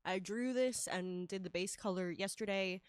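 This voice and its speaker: A woman livestreams while drawing, chatting casually through a nasal head cold, laughing often and using lots of fillers. Her mid-range voice is smooth and moderately paced. The audio is studio quality with no room sound.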